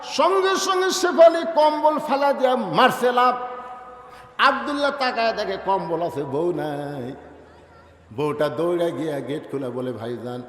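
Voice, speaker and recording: Male preacher, high-pitched, theatrical storytelling sermon with shouts and chanting, heard through a loudspeaker in a reverberant hall. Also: expressive. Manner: dramatic, acts out dialogue, swings from loud shouts to low murmurs, drawn-out chanting. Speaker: Islamic preacher. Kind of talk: Bengali waz sermon with storytelling. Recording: echoey hall with long reverb.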